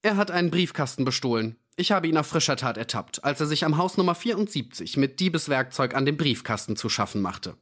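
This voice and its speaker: A man voicing a big London policeman who gives orders gruffly and sounds threatening. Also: fairly high pitch, animated, a little fast, few pauses, a bit bright, pitched above the performer's own voice. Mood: stern.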